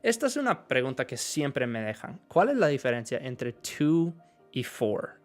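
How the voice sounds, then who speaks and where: A man's voice: medium pitch, big pitch swings, unhurried, soft background music. A young man teaching live in Spanish, greeting viewers by name. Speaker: English teacher on a livestream. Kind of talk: live Spanish-language English lesson.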